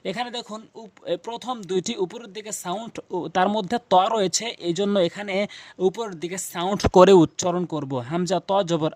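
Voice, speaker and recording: A man teaching Quran recitation, spelling out letters slowly and repeating each sound. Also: sits high, fairly even intonation, a little mellow, no room sound. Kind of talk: recitation lesson.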